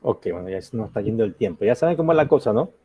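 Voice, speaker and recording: A man's voice: on the low side, expressive, racing, slightly rough, lo-fi sound. A man teaching an English grammar lesson in Spanish, patiently asking the class questions and checking in with "ok?".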